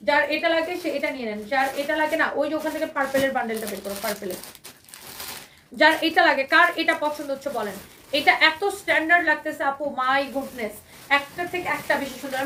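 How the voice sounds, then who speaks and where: A hoarse woman with a Bangladeshi Bengali accent runs a live clothing sale, talking fast in a high voice with eager, repetitive selling lines. She sits a little off the mic, with faint room noise behind her. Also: pushed and bright, recorded from a distance. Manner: enthusiastic, repetitive, mixes English phrases. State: hoarse from shouting. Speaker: live-sale fashion seller. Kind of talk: live shopping sales pitch.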